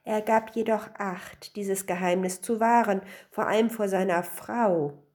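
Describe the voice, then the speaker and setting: A woman narrating a fairy tale in an expressive reading voice. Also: mid-range voice, a little slow. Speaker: storyteller. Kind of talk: scripted storybook narration.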